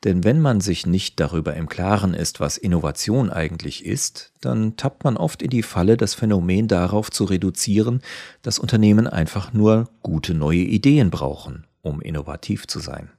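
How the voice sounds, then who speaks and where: A man giving a measured, scripted reading of a written essay. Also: low-pitched, vocal fry, warm tone, no room sound, clean studio sound. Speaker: article reader.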